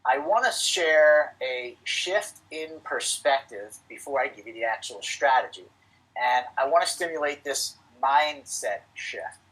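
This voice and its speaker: A man's voice: mid-range voice, fairly bright tone, breathy edge, rough recording. A middle-aged man presenting a live webinar to financial advisors, emphatic and coaching, repeating his key points.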